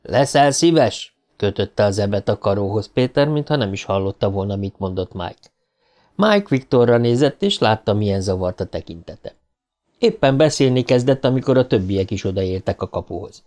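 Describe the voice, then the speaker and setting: A man narrating an audiobook in a dramatic, expressive reading style, voice rising as the tension builds. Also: lowish voice.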